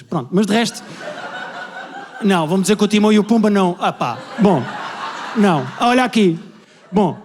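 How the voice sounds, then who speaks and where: Stand-up comic, young man with a European Portuguese accent, high and quick delivery, animated, live hall reverb. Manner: rapid, animated storytelling, acting out family members. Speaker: stand-up comedian. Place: large indoor venue with a live audience.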